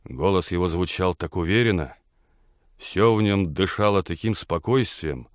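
Deep-voiced male audiobook narrator. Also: normal speed, dry recording, clean studio sound. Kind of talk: scripted narration.

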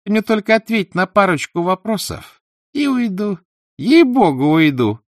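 A man reading an audiobook, voicing a sly, mocking uninvited visitor with a soft hissing laugh. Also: high voice, big pitch swings, moderate pace, no echo, studio quality, pitched above the performer's own voice.

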